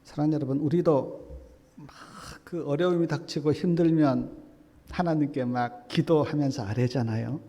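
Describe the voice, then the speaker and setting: High-voiced pastor preaching in a hall. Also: male voice, fairly even intonation, moderate pace. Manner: swings between hushed and loud fervent preaching. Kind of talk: sermon. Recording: long reverb of a church hall.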